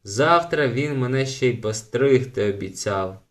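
A man voicing a grumpy, sharp-tongued ten-year-old boy in a storybook reading, raising his voice for the boy. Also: mid-range voice, lively intonation, unhurried, close to an everyday voice. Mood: glum.

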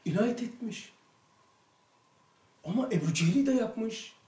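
A man with a high-pitched voice, speaking unhurriedly, teaches a religious lesson as an animated storyteller given to emphatic outbursts. The room is echoey and the microphone sits far from him, so the recording sounds roomy and distant.

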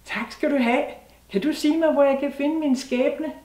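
A woman's voice: high-pitched, fairly even intonation, a little mellow, voice pushed up, lightly acted. A woman voicing a restless grown man who keeps asking where his fate is, recorded from a distance in a roomy space. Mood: eager. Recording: roomy sound from a distant mic.

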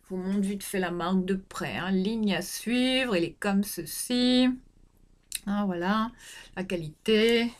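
A woman's voice: mid-range voice, takes it slowly. Rambling woman showing off a clothing haul. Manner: rambling, lots of fillers and restarts. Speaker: fashion vlogger. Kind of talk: casual haul vlog.

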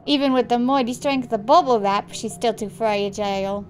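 A woman's voice: fairly high pitch, normal speed, soft background music, close to an everyday voice. A woman voicing a worn-out, broke middle-aged father with an attempted Australian accent, apologetic and putting on forced cheer. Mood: weary.

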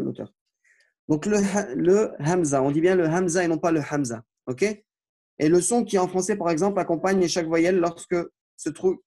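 Man, Arabic teacher, patient, repeats himself, slightly high voice, classroom lesson. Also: a little mellow. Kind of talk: classroom lesson explaining exercises.

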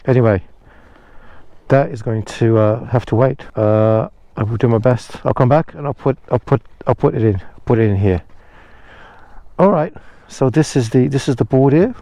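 A motorcycle vlogger with a mid-range, dark-toned voice talks to camera at a moderate pace beside a roadside phone box outdoors. He rambles casually and pokes fun at himself. The dry audio comes from a head-mounted action camera.

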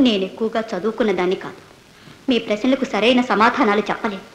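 A young actress playing a weary, bitter second wife giving quiet, resigned answers in court. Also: female voice, mid-range voice, fast talker, close to an everyday voice. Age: young adult. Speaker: witness in court. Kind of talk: 1970s Telugu film acting. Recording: echoey old film soundtrack with music.

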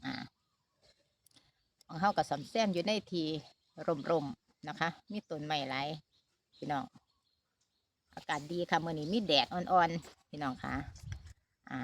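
A faint hum sits under this low female voice. The speaker, a middle-aged vlogging mother from Northeast Thailand with an Isan Thai accent, holds her phone outdoors at a shaded farm and chats directly to viewers about family news, using many fillers.

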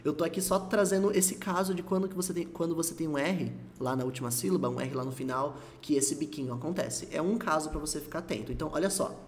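Lively Brazilian man teaching English sounds. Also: on the high side, a little hiss or hum. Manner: lively, demonstrates English words slowly and repeatedly. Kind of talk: casual video lesson.

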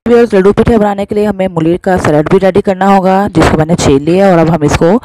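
Over a noisy background, a woman with a mid-range voice talks fast as she hosts a home cooking video. She explains each step in a friendly, patient manner, speaks to her viewers frequently and slips in English words.

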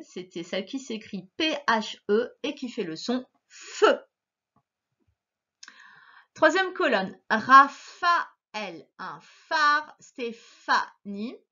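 Bright, lively woman teacher, slow and reassuring, dull lo-fi recording. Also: on the high side. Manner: patient, slow and encouraging, stressing each sound. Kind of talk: recorded phonics lesson for a child.

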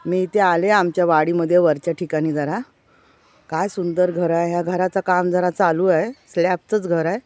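A woman's voice: fairly low pitch, fairly even intonation, moderate pace, darkish tone, no echo. Eager woman giving a village walking tour. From Konkan, India. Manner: enthusiastic, keeps urging viewers to look. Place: outdoors in a village, walking between houses. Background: birds chirping.

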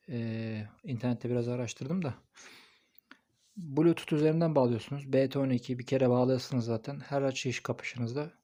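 A man records a casual, hands-on product review on his phone, thinking aloud informally as he unboxes and installs the item. His voice is mid-range and mellow.

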